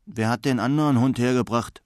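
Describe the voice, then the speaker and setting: A man's voice: mid-range voice, steady tone, a little fast, dry recording, clean studio sound, lightly acted. A man voicing a small, snappish winged moon dog who talks in a scornful growl.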